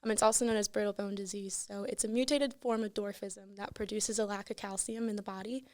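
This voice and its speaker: A woman's voice: medium pitch, fairly even intonation, fairly quick, no echo, clean studio sound. A teenage woman, a podcast guest, telling her personal story in a casual, earnest way with lots of fillers. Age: teens. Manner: earnest, frequent "like" and "you know". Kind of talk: casual chat, personal testimony.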